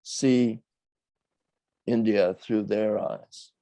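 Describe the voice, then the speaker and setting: An older man, a documentary filmmaker, talks reflectively in an interview, choosing his words in a thoughtful, measured and hesitant way. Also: on the low side, steady tone, warm tone, dry recording.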